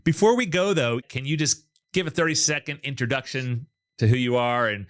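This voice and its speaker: A man's voice: mid-range voice, fairly quick, a bit bright, clean tone. A man hosting an interview, talking in an enthusiastic, chatty way about what he has found. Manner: enthusiastic, chatty, data-minded. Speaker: host. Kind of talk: casual interview chat.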